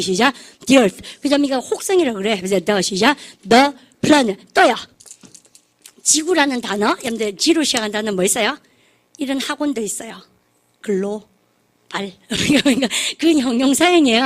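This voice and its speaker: Chatty woman teaching English. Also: fairly high pitch. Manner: chatty, drills students with call-and-response, laughs at own jokes. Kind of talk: lively classroom lecture.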